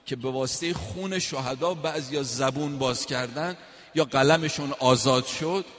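A male preacher delivers a sermon in an easy, storytelling manner, stopping now and then to recite verses. His voice sits at an ordinary middle pitch. A long reverb trails each phrase, as in a large hall. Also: fairly bright tone.

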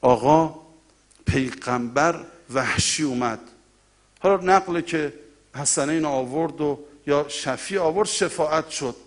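A male preacher giving a colloquial, impassioned mourning sermon that swells into loud cries and drops to quiet asides to the congregation. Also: on the high side, pauses often. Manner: colloquial, direct address to the congregation.

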